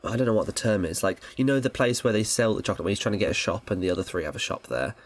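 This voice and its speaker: Lively English man on a film podcast. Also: racing. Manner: animated, jumps into high mocking voices when quoting people. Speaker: podcast co-host. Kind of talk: casual film chat.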